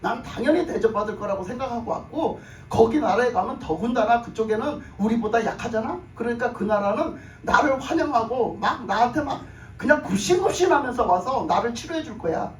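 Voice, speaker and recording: A man preaches a sermon in a very high voice, retelling a story and slipping into the lines of its characters. He repeats his phrases for emphasis. He is picked up from a distance in an echoing church room, with a faint hum of the room behind him. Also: lively intonation, a little fast. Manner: acts out characters' speech in the story. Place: church sanctuary. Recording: echoey room, mic at a distance.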